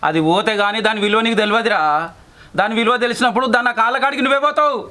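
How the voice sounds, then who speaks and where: A man with a Telangana accent speaks firmly and calmingly, very fast and bright. His voice sits high for a man. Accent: Telangana Telugu. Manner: firm, calming. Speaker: village elder mediating. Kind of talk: short film acting.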